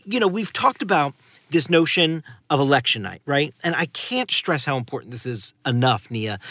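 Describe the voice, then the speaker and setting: A man's voice: high voice, fairly bright tone, no echo. A man co-hosting a political news podcast, giving emphatic conversational analysis and repeating key phrases for weight. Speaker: podcast co-host, political director.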